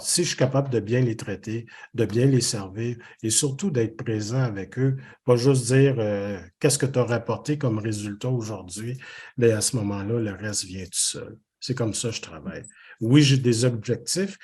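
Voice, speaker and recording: An older man from Haiti with a Québécois French accent, a business owner talking earnestly and reflectively as an interview guest, pausing on fillers and restarting phrases. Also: fairly low pitch, darkish tone, breathy edge. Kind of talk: casual interview conversation.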